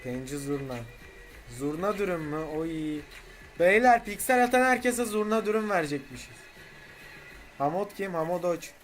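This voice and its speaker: A young man streaming a game live, swearing a lot and shouting repeated chants to rally his viewers. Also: high-pitched, animated, moderate pace, soft background music.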